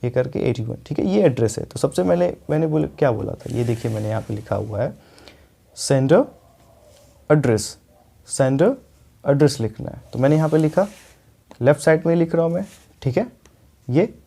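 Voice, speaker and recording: A man's voice: fairly high pitch, animated, fast talker, gravelly, dark tone, breathy edge. A young man with an Indian accent teaching a spoken English lesson, explaining step by step and often checking with "ठीक है".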